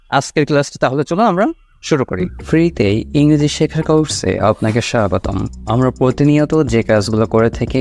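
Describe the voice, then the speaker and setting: A man teaching an online English lesson, explaining patiently and repeating words slowly for learners. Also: medium pitch, darkish tone, no room sound.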